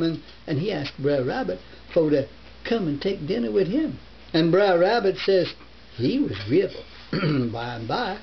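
In a book-lined living room, a man in his seventies from the northern United States reads a folk tale in a put-on American Southern dialect. His voice is fairly high, and he halts now and then like a grandfather at story time. A camera a short distance away captures it with a muffled, hissy sound.

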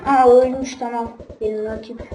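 Woman host doing casual game commentary to viewers; quick to complain, recorded distant in an echoey room. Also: on the high side, little pitch movement. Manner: grumbling, easily frustrated, talks straight to viewers. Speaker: gaming channel host. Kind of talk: casual let's-play commentary. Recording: roomy, distant mic with background noise.

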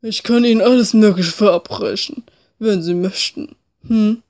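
Woman as a creepy partridge doctor, lower-voiced. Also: moderate pace, a little mellow, lightly acted. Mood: cool menace. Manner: polite, curt, faintly menacing. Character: creepy, cool male partridge school doctor. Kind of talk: video game character voice in a let's play.

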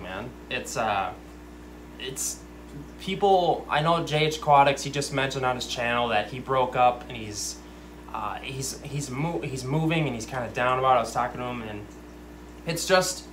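A young man talks casually to his camera from a room full of aquariums, drifting from one tangent to the next in an ordinary, mid-pitched voice. He catches himself ranting and laughs it off. A faint hum sits under his voice. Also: expressive, moderate pace, a bit bright. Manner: rambling, self-aware, ranty asides. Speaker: aquarium channel host. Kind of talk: casual livestream chat. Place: fish room with lit aquariums, indoors. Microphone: desk camera at close range.

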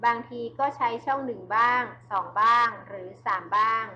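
A woman giving a slow, scripted English vocabulary lesson, spelling words letter by letter. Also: on the high side, sharp tone, dull audio, a little hiss or hum. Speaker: English teacher.

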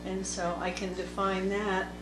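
A woman teaching watercolor, thinking aloud slowly as she paints at a table. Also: medium pitch, little pitch movement. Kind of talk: unscripted painting tutorial narration. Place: indoor table workspace. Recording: echoey room with background music. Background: soft instrumental music.

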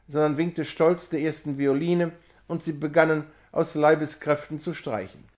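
A man reading a classic novella aloud in a measured, expressive way. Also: on the high side. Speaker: reader.

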